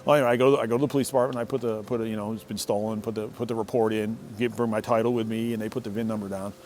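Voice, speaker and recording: A man's voice: on the low side, steady tone, very fast, a little mellow, slight background noise. A middle-aged man telling a casual, rambling story from his shed workshop, often restarting and repeating words. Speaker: motorcycle owner telling a story.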